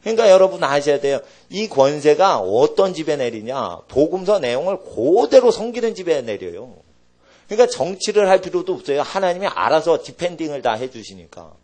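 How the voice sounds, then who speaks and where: A male pastor preaching a sermon in an animated way, swinging between loud exclamations and quiet asides. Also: fairly high pitch, a little fast. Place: church sanctuary.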